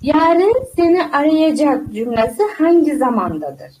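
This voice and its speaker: A woman's voice: sits high, sing-song, measured pace, a little mellow, rough recording. A woman with an Uzbek accent, a language teacher running an interactive online quiz, reading out questions and confirming answers in an instructive way. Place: online group call. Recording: clear background noise and clicks.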